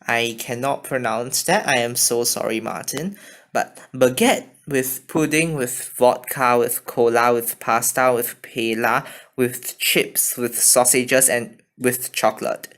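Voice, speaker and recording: A man's voice: medium pitch, fairly even intonation, fairly bright tone. A man from China with a mixed Chinese and Singaporean accent, answering viewer questions in a casual vlog, hesitant and apologetic, recorded on a phone. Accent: mixed Chinese and Singaporean English. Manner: hesitant, halting, often apologetic.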